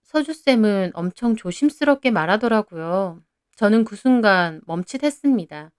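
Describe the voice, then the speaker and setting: A young woman narrating her own story in the first person, in an even, confiding way. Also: medium pitch, normal speed, clean tone.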